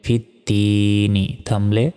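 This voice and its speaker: Slow, deep-voiced man teaching Quran reading. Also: flat delivery, warm tone, in a large hall, soft background music. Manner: slow, methodical letter-by-letter spelling, then drawn-out melodic recitation. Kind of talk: spelling out and reciting Arabic lesson.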